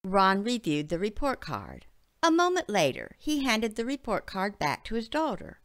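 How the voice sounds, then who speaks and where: A woman narrating a literary short story in a measured, expressive way. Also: medium pitch. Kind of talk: audiobook narration.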